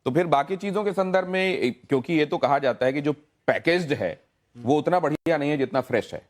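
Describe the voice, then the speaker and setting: A man with a fairly high voice runs a televised debate. He presses his guests hard and cuts in with repeated words. His questions are sharp and pointed. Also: animated, brisk, a little hiss or hum. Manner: pressing, interrupting, repeats words when cutting in. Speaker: TV debate anchor.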